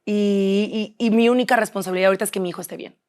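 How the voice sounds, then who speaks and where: A woman's voice: medium pitch, steady tone, rapid-fire, a little mellow. A young woman with a Mexican accent, a guest in an interview, talking candidly and quoting herself and others often. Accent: Mexican Spanish.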